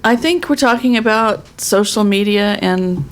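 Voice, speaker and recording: A woman's voice: mid-range voice, normal speed, a little hiss or hum. A woman co-hosting a casual podcast, teasing and bantering playfully. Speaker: podcast co-host.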